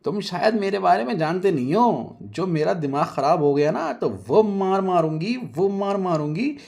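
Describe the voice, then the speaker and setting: A man voicing a loud, rude and boastful woman who scolds and taunts everyone in a storybook tale. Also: fairly high pitch, lively intonation, moderate pace, voice pushed up. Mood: scolding.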